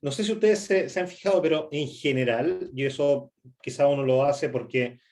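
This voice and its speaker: A man's voice: on the high side, normal speed, darkish tone. Chilean man teaching a workshop. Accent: Chilean Spanish. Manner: frequent "¿sí?" checks and "eh" fillers. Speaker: workshop instructor. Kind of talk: presentation skills workshop talk.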